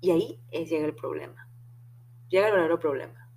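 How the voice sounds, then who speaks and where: A woman's voice: sits low, fast, vocal fry, a little mellow, slight background noise. Chatty Mexican woman podcaster. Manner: chatty, slangy, drops curse words. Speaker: podcast host. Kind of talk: casual storytelling monologue.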